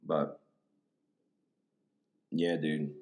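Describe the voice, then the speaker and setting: A man with a very deep, low-pitched voice hosts his podcast in a loose, rambling chat. He talks in slang, swears freely and calls everyone dude and bro. He is a little tipsy from drinks. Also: flat delivery, extremely slow, darkish tone. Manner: laid-back, slangy and profane, full of "dude" and "bro". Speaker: podcast host.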